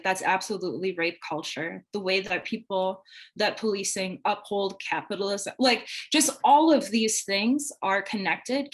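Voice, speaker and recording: A workshop facilitator leads a live online training over a video call, sounding earnest and loose and leaning heavily on "like" and "um." Her voice is medium-pitched, and the recording is rough.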